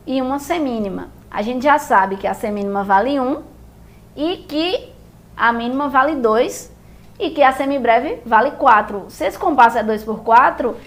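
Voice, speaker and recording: A Brazilian woman teaching music theory, explaining rhythm step by step and checking in often with her viewers. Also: sits high. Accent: Brazilian Portuguese. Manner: patient, repeats and checks in with "beleza?".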